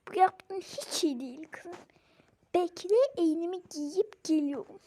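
A woman's voice: extremely high pitch, unhurried, dark tone. Woman playing an exasperated scolding mother. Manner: scolding, sighing, exclaiming to God. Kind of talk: game role-play.

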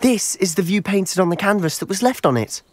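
A young man voices a determined, hot-headed teenage schoolboy wizard in a video game, sounding intense and articulate. His voice sits high and is animated and fairly quick, carrying an earnest, brooding mood. Music plays behind him.

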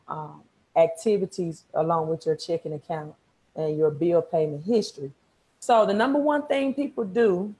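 Lower-pitched woman with a Mississippi accent. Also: a little mellow, low-quality recording. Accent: Mississippi, Southern US. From Mississippi, United States. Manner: repeats words for emphasis, checks in with "right?". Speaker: credit repair coach. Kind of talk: informal live-stream slide lesson. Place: small room at home, indoors.

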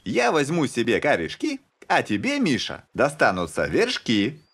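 Fairy-tale cartoon peasant, male narrator acting, sly and cheerful, coaxing, hugely varied pitch. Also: huge pitch swings, moderate pace, fairly bright tone, breathy edge, full character voice. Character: cheerful, crafty peasant man.

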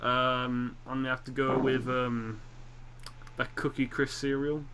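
A man's voice: mid-range voice, level tone, unhurried, pushed and bright, a little hiss or hum. A young man hosting a podcast, brash and teasing, swearing freely in casual chat. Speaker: podcast host.

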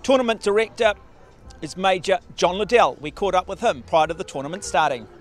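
A man's voice: sits high, brisk, faint music behind. A middle-aged man presenting rugby coverage outdoors on the field, upbeat and punchy, with a handheld mic. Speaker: sports presenter. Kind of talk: broadcast presenting and interviewing. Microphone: handheld reporter mic.

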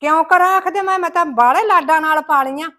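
In an extremely high, bright and forceful voice, a woman with a Malwai Punjabi accent plays a grumbling village mother-in-law in a comic skit. She scolds at a quick pace, rustic and emphatic, in a gossipy, complaining mood.

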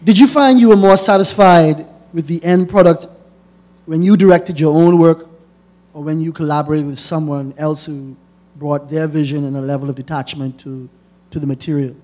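A man interviews a guest on a lecture stage, asking polite questions with small hesitations. His voice sits a bit high with a mellow, warm tone. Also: steady tone, moderate pace. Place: lecture hall.

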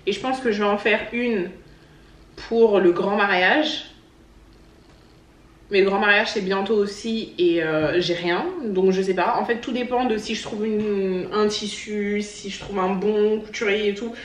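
A young adult woman chatting casually to camera at home as a beauty vlogger, expressive and quick to poke fun at herself. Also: mid-range voice, distant mic. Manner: chatty, expressive, self-mocking. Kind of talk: casual vlog chat. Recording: roomy, from the mic, faint background hum.

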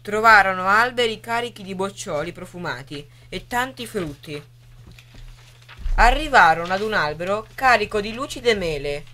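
A woman's voice: mid-range voice, animated, normal speed, bright, forceful tone, a little hiss or hum. Woman reading a storybook aloud. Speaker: reader on a radio poetry program.

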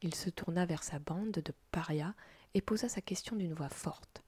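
A woman narrates a story as a whispered role-play, her voice a breathy, husky unvoiced whisper. She sits slightly low in pitch and close to the mic, with a dry, close sound and no room around her. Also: dry recording. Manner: soft, slow storytelling in a whisper.

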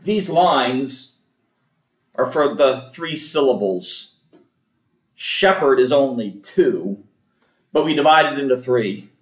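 Man, church cantor, slow patient explainer, mid-pitched, echoey church sound. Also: animated. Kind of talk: explaining to a congregation. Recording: roomy echo.

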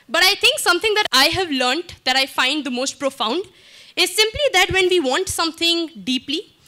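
A young woman with an Indian accent speaks in a high, bright voice. She hosts from a small indoor stage with a florid, effusive welcome style, projecting into a handheld microphone. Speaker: event host. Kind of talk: theatrical emcee welcome speech.

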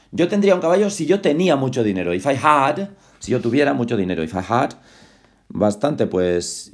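A man giving a casual English lesson at home. He repeats words again and again, corrects pronunciation and drops chatty asides about being in a hurry. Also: medium pitch. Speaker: English teacher. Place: home with a dog.

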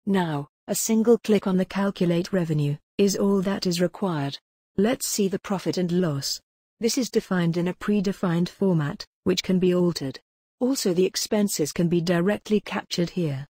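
A narrator reading a scripted software demo voice-over in an even, measured corporate manner. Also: medium pitch, husky, dry recording, clean studio sound.

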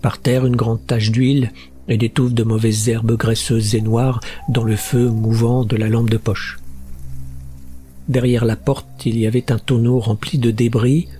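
Man, audiobook narrator, horror story, measured and steady, middle pitch, faint music behind.

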